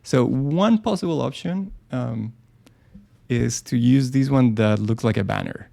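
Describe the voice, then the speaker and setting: His voice warm, heavily gravelly, and medium in pitch, a man hosts a live screen-share tutorial for design software, narrating as he works. The delivery is relaxed and unhurried, casual and thought-out-loud, with repeated ums and restarts.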